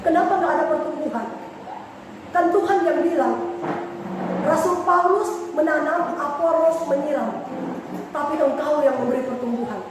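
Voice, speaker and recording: A woman pastor preaching a sermon with passion, swinging from soft pleading to shouted warnings. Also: high-pitched, normal speed, pauses often. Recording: echoey hall, mic far off, noisy.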